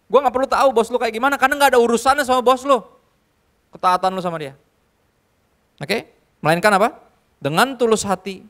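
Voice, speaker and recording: A male youth pastor preaching to a live audience in a church hall, lively and joking, often switching into English. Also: sits high. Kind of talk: sermon.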